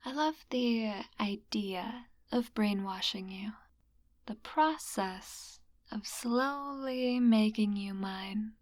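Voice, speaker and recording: A woman plays a young female classmate with a hypnotist's gift, in an ASMR role-play. She is teasing and gently dominant, with a mesmerizing, coaxing delivery. Her words come very slowly, at a medium pitch, in a dry space. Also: dry recording, close to an everyday voice. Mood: mesmerizing, possessive.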